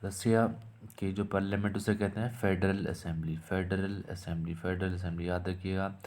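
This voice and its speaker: A man's voice: low-pitched, steady tone, moderate pace, a little mellow. A man teaching an exam-prep lesson, asking questions and answering them himself, repeating key terms to drill them in.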